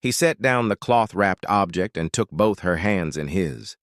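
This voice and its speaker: A man narrating a romantic story in smooth, measured scripted narration. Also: low voice, animated, no room sound, studio quality.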